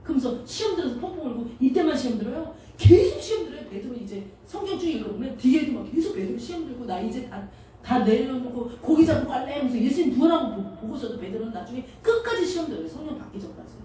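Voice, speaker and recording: A woman's voice: sits high, sing-song, fast, hardly any pauses, dark tone. A woman preaching a sermon in a conversational, storytelling manner, acting out quotes as she goes. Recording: echoey hall, distant mic, faint noise.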